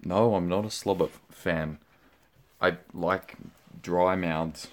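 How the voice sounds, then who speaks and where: A man's voice: deep voice, slow, slight background noise. A young man co-hosting a podcast in casual, joking chat, recorded inside a small closet. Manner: relaxed, joking, trails off and restarts. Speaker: podcast co-host.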